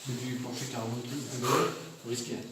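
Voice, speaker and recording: A man speaks in casual, slangy bursts, uneasy and on the lookout as he explores. His voice sits at a middling pitch, far from the camera mic, in a hugely reverberant space with heavy noise. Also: little pitch movement, moderate pace. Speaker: urban exploration vlogger. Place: inside an abandoned hospital at night. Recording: very echoey, distant, noisy camera audio.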